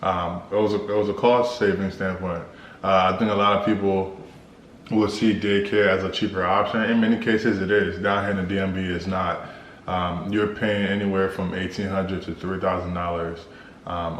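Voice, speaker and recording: An American man co-hosting a casual Q&A vlog, explaining things in a measured, halting way. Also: low voice, level tone. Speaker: vlog co-host. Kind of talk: casual couple Q&A chat. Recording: roomy echo with clear background noise.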